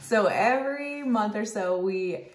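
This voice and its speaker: A woman's voice: medium pitch, measured pace. A woman co-hosting a fitness Q&A in casual chat, giving dry, matter-of-fact nutrition answers. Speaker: fitness and nutrition coach co-host. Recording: roomy echo.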